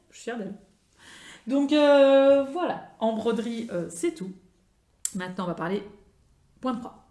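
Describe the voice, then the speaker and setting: A woman's voice: medium pitch, darkish tone. Chatty French woman in an echoey room. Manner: chatty, many fillers and restarts. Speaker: craft vlogger. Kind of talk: casual show-and-tell chat.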